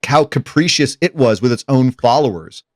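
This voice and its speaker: A man's voice: mid-range voice, lively intonation, normal speed, dry recording, clean studio sound. A man hosting a casual movie discussion podcast, retelling scenes with enthusiasm. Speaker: podcast host.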